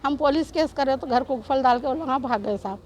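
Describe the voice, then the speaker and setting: A woman's voice: high voice, a little fast. A middle-aged woman, giving an emotional news interview as a shopkeeper, urgent and pleading and repeating herself. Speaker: shopkeeper telling of an assault.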